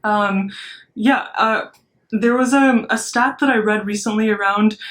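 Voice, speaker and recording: A woman's voice: mid-range voice, unhurried, a bit bright. A young woman from Malaysia, a startup founder giving an earnest recorded talk to students, with many ums and restarts. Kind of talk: recorded motivational speech.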